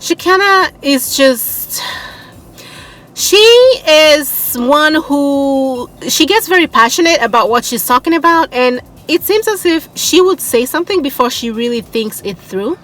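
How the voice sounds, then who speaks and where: A woman's voice: high voice, animated, measured pace, fairly bright tone, rough recording. A woman hosting a commentary video, reacting in a casual, exasperated way. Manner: exasperated, incredulous remarks. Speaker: commentary channel host.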